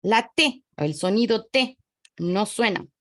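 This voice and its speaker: Speaking slowly in a mid-range voice, an Argentine woman explains French phonetics in a lively, talkative online class. She sits at a small desk in her home study and wanders away from the mic while writing; the recording is dry and studio quality.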